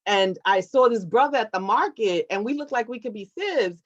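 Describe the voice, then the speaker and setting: A fairly high, expressive female voice at normal speed, with the top frequencies missing. The speaker, a Puerto Rican activist and award recipient, responds conversationally in an online talk, sincere and contemplative, with regular "right?" check-ins.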